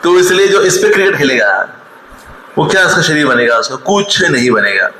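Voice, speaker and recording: In his forties, a man delivers a lively motivational talk with acted quotes, shifting between storytelling and scolding, mocking rebukes. His voice is fairly high, very animated and bright, pushed at normal speed. Slight background noise and faint ambience fill an echoey hall.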